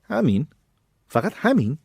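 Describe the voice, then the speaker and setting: A menacing escaped convict, hoarse and gruff, who barks his threats at a low, rough pitch, as a male narrator puts him on. He is brutal and impatient, and he pushes each word out hard and sharp. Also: sing-song, dry recording, full character voice. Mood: threatening. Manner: threatening, snarling.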